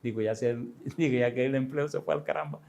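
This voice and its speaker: A pastor in his sixties telling a personal story in a sermon, with animated, chatty delivery and frequent laughs. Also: mid-range voice, brisk, gravelly, highs cut off. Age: 60s.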